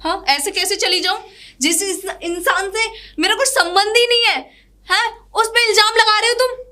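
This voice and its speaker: A woman's voice: very high voice, normal speed, bright, forceful tone. A woman playing a defiant young pregnant wife who retorts and confronts her lover in a family drama. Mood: indignant. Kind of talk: hobby family drama acting.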